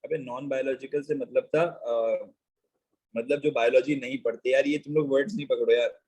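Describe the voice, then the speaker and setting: A man teaching chemistry in a live online class, reading exam questions slowly and then explaining in quick, chatty Hindi and English, often calling students "bhai". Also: medium pitch, fairly even intonation, darkish tone, slightly rough, low-quality recording.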